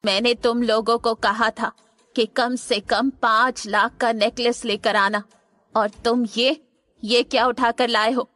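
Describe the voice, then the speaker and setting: A bossy old grandmother, the family matriarch, as a male narrator puts her on, scolding in a raised, shrill voice. She sounds sharp and contemptuous. Her voice is dry and close. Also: level tone, slow pace, no echo, full character voice. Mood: angry scolding. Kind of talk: audiobook character voice.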